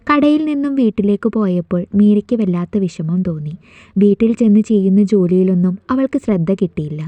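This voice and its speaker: A woman narrating a family romance story in a soft, steady storytelling manner, on a dull, dry recording. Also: mid-range voice, a little fast, no echo.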